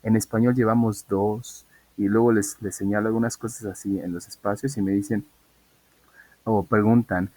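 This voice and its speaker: A man's voice: fairly low pitch, steady tone, moderate pace, warm tone, no room sound. A man teaching an English class online, explaining patiently and asking students questions.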